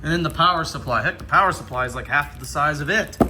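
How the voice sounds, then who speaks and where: An American vlogger from Ohio does a casual, hands-on unboxing, chatting informally and enthusiastically. His voice is fairly high and quick, recorded on a handheld camera with background noise.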